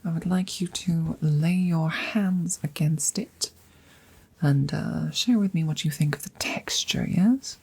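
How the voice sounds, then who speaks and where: A woman voices a courteous, eccentric female dragon in an ASMR fantasy roleplay, whispering softly and breathily in halting, formal, gently coaxing phrases. Her low voice is exaggerated.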